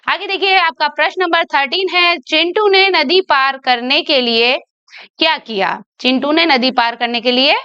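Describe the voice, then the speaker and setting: A woman's voice: high voice, pushed and bright, no echo, lo-fi sound. A woman teacher working through an exam paper, patiently reading out each question and its options. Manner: patient, repeats questions, reads options aloud. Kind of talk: explaining exam answers.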